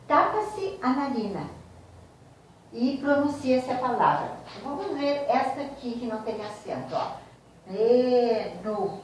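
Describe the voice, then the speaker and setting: A woman teacher, giving a slow, explanatory grammar lesson and speaking directly to her students. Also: a little high, distant mic, a little hiss or hum. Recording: very echoey room, voice from off mic.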